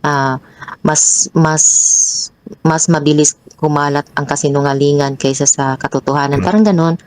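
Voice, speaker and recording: Halting woman telling a personal story. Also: steady tone, darkish tone, rough recording. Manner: hesitant, halting with many restarts; pitches up sharply when reliving an argument. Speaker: guest sharing a personal story.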